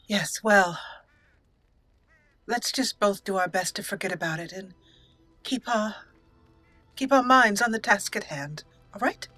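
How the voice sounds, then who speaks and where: Over the game's background music, this roleplay let's play host chatters and giggles her way through the playthrough. She speaks in a mid-range, pushed, bright voice at a measured pace, pausing often, with no echo in the recording.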